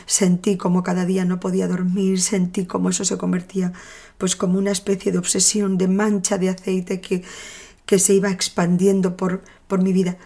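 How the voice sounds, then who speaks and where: A woman's voice: fairly low pitch, completely flat delivery, normal speed, dark tone. A middle-aged woman, a therapist hosting a podcast, talking thoughtfully through anecdotes. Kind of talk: reflective podcast monologue.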